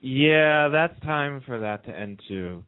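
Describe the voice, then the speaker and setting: Speaking slowly and clearly, this male radio host has a medium-pitched, expressive, resonant voice. He gossips casually and opinionatedly, full of enthusiasm for TV soaps, over a dry, tinny phone-line sound.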